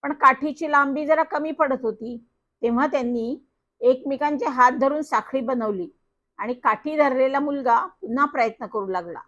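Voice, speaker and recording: High woman storyteller, lively first-person kids' story, dull lo-fi sound. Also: moderate pace. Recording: dull lo-fi recording.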